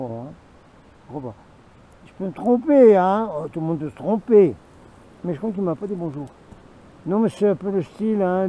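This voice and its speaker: A man's voice: on the high side, mellow, low-quality recording. A man telling a rambling, repetitive story to camera, breaking into asides with himself, with faint noise behind him. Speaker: vlogger. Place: outdoors in the mountains.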